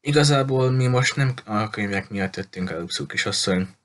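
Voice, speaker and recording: A man's voice: fairly low pitch, fairly bright tone, lightly acted. Man doing an eager polite girl. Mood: earnest.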